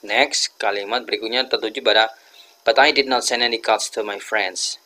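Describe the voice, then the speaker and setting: A man with an Indonesian accent teaching English grammar, explaining each example slowly and deliberately. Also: lowish voice, steady tone, pushed and bright. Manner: slow, deliberate, switches between two languages.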